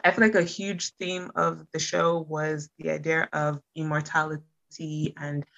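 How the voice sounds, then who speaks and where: A woman's voice: low-pitched, level tone, a little slow, vocal fry, fairly bright tone, lo-fi sound. A woman hosting a casual podcast chat, asking questions in a playful way.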